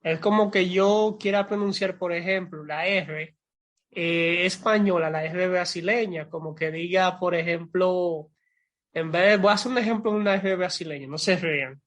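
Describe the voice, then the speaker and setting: A man's voice: high-pitched, steady tone, normal speed, a bit bright. A man from the Dominican Republic with a Dominican accent, chatting casually and animatedly about pronunciation, demonstrating sounds and laughing easily. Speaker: podcast co-host. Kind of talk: casual chat about language learning.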